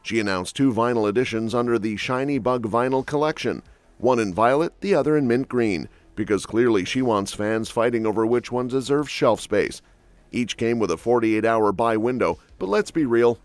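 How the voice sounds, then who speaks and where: A man's voice: medium pitch, animated, moderate pace, no echo. A man reading scripted entertainment gossip narration with a snarky, quip-heavy delivery. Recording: dry voice-over with soft music bed.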